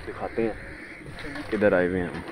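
A man's voice: low-pitched, steady tone, moderate pace, background noise. A chatty young man from Pakistan giving a casual vlog tour of his village outdoors, talking straight to viewers into a handheld camera. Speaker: vlogger.

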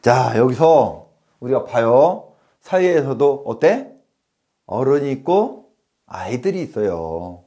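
Slow, animated scolding Korean teacher man. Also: mid-range voice. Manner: scolding, rhetorical, keeps asking "어?". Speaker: comic playing a schoolteacher. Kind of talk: comedic classroom lecture.

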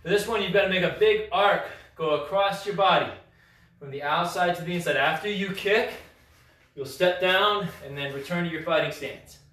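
A man's voice: high voice, normal speed, a bit bright. A man teaching a martial arts class, calling out commands and counts. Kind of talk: class instruction. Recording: echoey room, mic far off.

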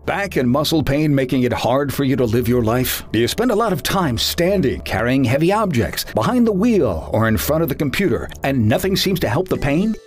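A man's voice: mid-range voice, expressive, a little fast, few pauses. A man reading a scripted promotional voice-over as an infomercial announcer, with emphatic delivery. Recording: music bed behind voice. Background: background music.

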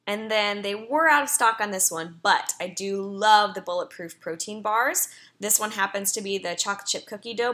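A young woman who works as a personal trainer chats casually in a voice-over while going through her online grocery order. She's upbeat and says um and uh a lot. Her medium-pitched voice sounds pushed and bright.

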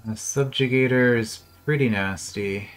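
A man's voice: medium pitch, measured pace, clear, resonant tone. A man casually commenting on a strategy game as he plays, thinking aloud with dry sarcasm. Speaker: gameplay commentator. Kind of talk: casual let's-play commentary.

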